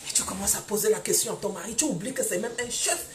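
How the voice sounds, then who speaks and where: A woman preaching a live-streamed testimony sermon, telling her story in an animated way, full of exclamations and acted-out dialogue. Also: medium pitch, quick pace, heavy background noise.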